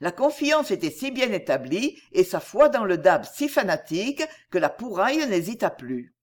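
An audiobook narrator reading a classic novel in a measured, expressive way. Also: medium pitch. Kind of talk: scripted literary narration.

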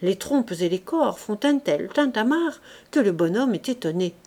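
A woman narrating a classic novel and a verse fable in a measured, even way. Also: medium pitch. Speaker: audiobook reader.

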